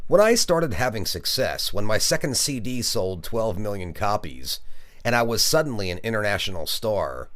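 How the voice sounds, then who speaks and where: A man's voice: on the low side, fairly bright tone. A man playing a charitable pop star, giving an earnest, carefully enunciated scripted speech about himself. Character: charitable male pop star recounting his childhood. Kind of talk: scripted first-person speech.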